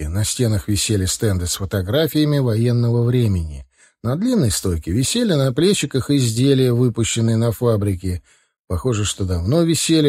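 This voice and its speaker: A man narrating a first-person audiobook. His delivery is even and wry, set at an ordinary middle pitch for a man. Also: breathy edge.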